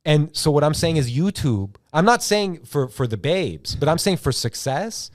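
Hosting a casual YouTube chat show, a man from Iran rambles through slangy stories with lots of "like" and unrestrained swearing, all delivered animatedly. His fairly high voice moves at a normal speed in a dry, studio-quality recording.

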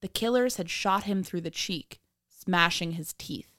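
A woman hosting a podcast, reading scripted true crime narration in a measured, dramatic storytelling manner. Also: lowish voice, fairly bright tone, dry recording, studio quality. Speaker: podcast host.

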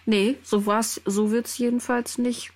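Relaxed woman podcast host. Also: a little high, a little slow. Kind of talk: casual podcast moderating.

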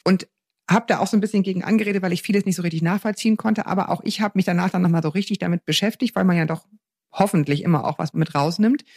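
A woman's voice: on the low side, fairly even intonation, fast, a little mellow, dry recording, studio quality. A woman co-hosting a parenting podcast, engaged and agreeing often while she sums up a listener's letter. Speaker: podcast co-host giving parenting advice. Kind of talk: casual advice chat.

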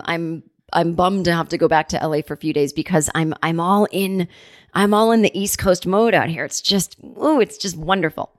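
A woman's voice: fairly low pitch, no room sound, studio quality. A woman hosting a podcast from home, chatting casually and rambling with frequent laughs. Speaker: podcast host. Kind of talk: casual chat.

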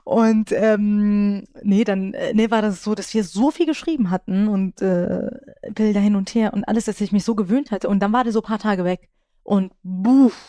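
A woman's voice: mid-range voice, normal speed, warm tone, no room sound, studio quality. A woman hosting a podcast, chatting casually and openly, with frequent restarts and laughs. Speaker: podcast host. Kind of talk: casual chat.

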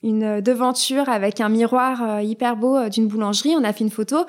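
A woman with a fairly high voice chatting as a podcast guest. She talks loosely and keeps restarting her sentences, with lots of "euh" between thoughts. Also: steady tone, brisk. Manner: hesitant, many fillers and restarts. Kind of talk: casual interview chat.

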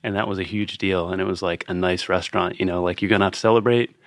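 A man's voice: sits low, fairly even intonation, fast, dry recording, clean studio sound. A man from Northern Ireland, a guest on a podcast, telling stories in an easygoing, casual way. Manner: easygoing storyteller, many fillers. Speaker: guest, beverage director. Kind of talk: casual interview chat.

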